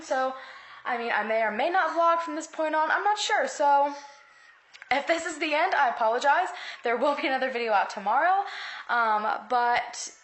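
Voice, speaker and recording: Woman, vlogger, slightly high voice, tense rambling talk, filler-heavy, filmed at home. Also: fairly bright tone, reverberant, a little hiss or hum. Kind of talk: casual storytelling to camera.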